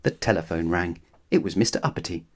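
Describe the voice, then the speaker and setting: A man with a low voice reads a children's storybook aloud at a fast clip, full of expression, as if speaking directly to young listeners.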